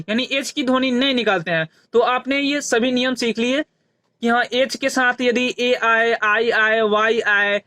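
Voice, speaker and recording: Very high male voice, patient phonics teacher who spells words out slowly, dry close recording. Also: pushed and bright, no room sound. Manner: repeats questions and answers. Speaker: English teacher. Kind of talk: phonics lesson.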